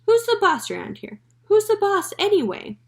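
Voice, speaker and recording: Reading a storybook aloud, a woman voices a rude, bossy pet parrot that squawks its taunts and repeats them over and over. Her exaggerated delivery is shrill, with huge pitch swings, vocal fry, and a moderate pace.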